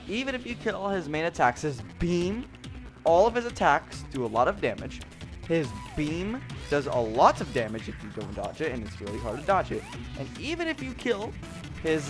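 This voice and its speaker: Young male gaming host, slightly high voice, rambling and filler-heavy, faint music underneath. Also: fairly bright tone. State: out of breath. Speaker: gaming youtuber. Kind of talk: casual ranking commentary.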